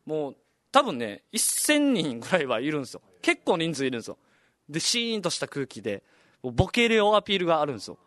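A young Okinawan man with a high, bouncy voice that swings all over its range, talking as a comedian and radio host. He tells his stories in a casual, chatty way, animated and laughing along. The sound is close and dry. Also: fast talker, dry recording. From Okinawa, Japan. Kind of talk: casual storytelling chat.

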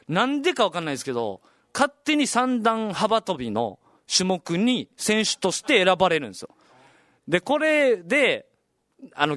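A young man from Okinawa with an Okinawan accent, a comedian and radio host telling stories in a chatty, animated way. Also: high-pitched, no room sound. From Okinawa, Japan. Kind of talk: casual storytelling chat.

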